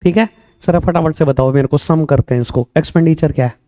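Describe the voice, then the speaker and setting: A man teaching an accounting class, quizzing his students with quick questions and slowing down to stress English definitions. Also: fairly high pitch, dark tone. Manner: mixes Hindi with English terms, slow stressed definitions. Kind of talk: classroom lecture.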